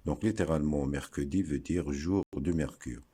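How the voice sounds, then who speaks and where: A man giving a slow, deliberate lesson, breaking words into syllables and pausing often. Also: very deep voice, warm tone, husky. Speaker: teacher explaining word origins.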